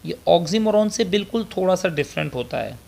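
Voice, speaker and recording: A man with a Pakistani accent teaching a slide lecture on figures of speech, talking slowly and hesitantly with many filler pauses and switching between Urdu and English. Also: sits high, lively intonation, gravelly, darkish tone.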